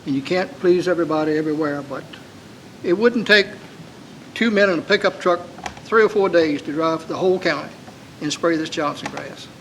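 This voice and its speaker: A man's voice: on the high side, normal speed, fairly bright tone, a little hiss or hum, low-quality recording. Give me an earnest man making his case at a board meeting. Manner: earnest, persistent, folksy. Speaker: county supervisor. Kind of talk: public meeting remarks.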